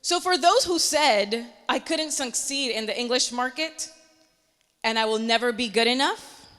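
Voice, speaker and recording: A woman tells her own story in an earnest, motivational way. Her voice is bright and sits a little high. A long hall reverb trails behind her words. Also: a little slow. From Panama. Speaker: meteorologist. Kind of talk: personal story speech.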